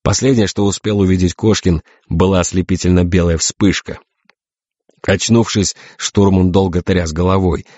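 A man reads a science-fiction story aloud in a measured, even manner. His voice is very low and deep. The recording is dry and close, with a slightly muffled, lo-fi sound. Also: no room sound. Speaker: narrator. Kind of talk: audiobook narration.

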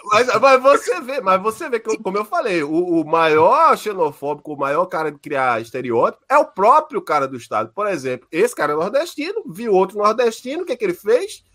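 Lively high-voiced Northeastern Brazilian man. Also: a little fast, few pauses. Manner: animated, acts out quoted voices, laughs often. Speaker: podcast host. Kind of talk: casual podcast storytelling.

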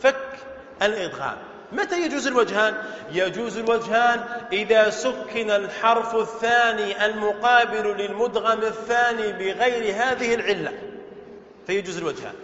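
A sheikh teaching a classroom lesson, asking questions and then answering them himself. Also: male voice, sits high, moderate pace, fairly bright tone. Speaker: sheikh teaching Arabic morphology. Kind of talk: classroom lesson explaining verse. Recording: echoey hall, dull lo-fi sound.

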